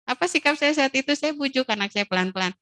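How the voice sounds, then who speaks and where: A woman giving a casual, gentle parenting talk to mothers in a webinar, slipping into voices for children and mothers. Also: sits high, animated, fast talker, no echo. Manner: acts out child and mother voices in quoted dialogues.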